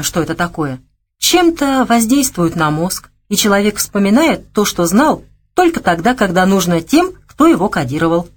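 A woman's voice: slight background noise, lightly acted. A woman voicing a chatty, curious young woman vendor, raising her voice and speaking with animation. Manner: animated, teasing, raised pitch.

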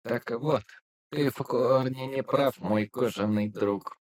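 A man voicing a grumpy, sarcastic male robot with a creaky, grating, squeaky voice, drawing out his mocking lines. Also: darkish tone, close to an everyday voice. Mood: sneering. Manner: mocking, drawn-out, condescending. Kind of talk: audiobook narration with character voices.

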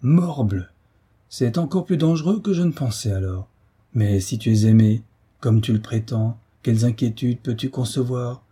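A man's voice: mid-range voice, moderate pace, dark tone, breathy edge. A man voicing a rich, spirited young nobleman, ironic and full of exclamations, in a read-aloud historical novel. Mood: ironic, lively.

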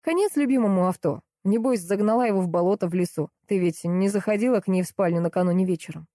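A woman's voice: mid-range voice, quick pace, mellow, dry recording, studio quality, close to an everyday voice. A woman reading an audiobook, voicing a rude, mocking middle-aged man who talks down to women and jeers bluntly. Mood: sneering. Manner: sneering, blunt, jeering.

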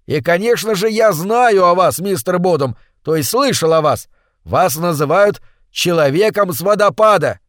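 A man voicing a straining, shouting reporter. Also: a little high, normal speed, dry recording, clean studio sound, pitched above the performer's own voice, close to an everyday voice. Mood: shouting, strained. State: hoarse throat from straining. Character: shaken, weary male newspaper reporter shouting over roaring water.

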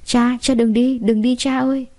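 A woman's voice: on the high side, fairly even intonation, normal speed, warm tone, lightly acted. A woman narrator voicing a cowardly younger brother who wails and pleads in panic. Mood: panicked wailing. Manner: wailing, pleading.

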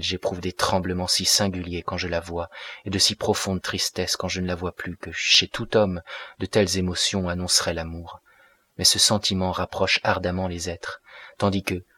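A man's voice: sits low, sharp tone, breathy edge, heavily acted. A man reading the part of a brooding, passionate young man in an audiobook, in an intense, declamatory manner.

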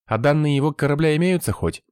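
A man reading aloud, voicing an agitated young space officer who shouts frantically. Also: fairly high pitch, fast talker, clean tone, no room sound, studio quality, pitched above the performer's own voice, close to an everyday voice. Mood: frantic.

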